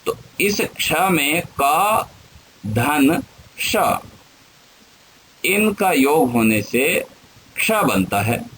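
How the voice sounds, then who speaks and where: A man teaching a grammar lesson, spelling out syllables one at a time in a deliberate lecture. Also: fairly high pitch, big pitch swings, a bit bright, slight background noise, low-quality recording.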